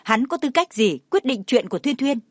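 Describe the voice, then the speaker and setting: A woman's voice: fairly high pitch, animated, normal speed, no room sound, studio quality. A woman voicing an emotional young wife who speaks in an urgent, imploring way. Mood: pleading.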